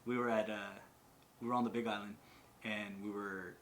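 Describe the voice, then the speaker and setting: A man's voice: on the low side, little pitch movement, moderate pace, slight background noise. A man hosting a podcast in casual chat, rambling and swearing, with lots of filler words. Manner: rambling, profane, full of "like". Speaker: podcast host.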